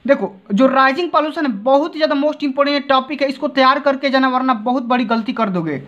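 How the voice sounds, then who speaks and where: High-pitched male tutor, coaxing desk-side lesson, muffled phone sound. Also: fairly quick, a bit bright. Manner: coaxing, keeps repeating check-in tags. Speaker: exam-prep teacher. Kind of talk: tutorial explaining to students. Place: desk seen from above, indoors. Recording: dull lo-fi phone recording.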